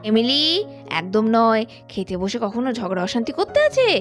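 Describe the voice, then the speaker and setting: A woman voicing a kindly motherly aunt doll in a doll cartoon, gently chiding and caring. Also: on the high side, sing-song, normal speed, faint music behind, pitched below the performer's own voice. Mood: gentle chiding.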